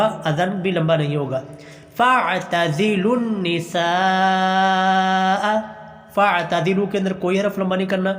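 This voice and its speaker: High-voiced man teaching Quran recitation. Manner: slow drawn-out recitation between quick explanations; patient, repeats and urges practice. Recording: echoey room with long reverb.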